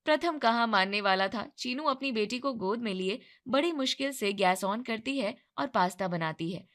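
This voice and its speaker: A woman's voice: on the high side, expressive, moderate pace, a bit bright. A woman narrating a family story in a plain storytelling manner. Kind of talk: scripted narration.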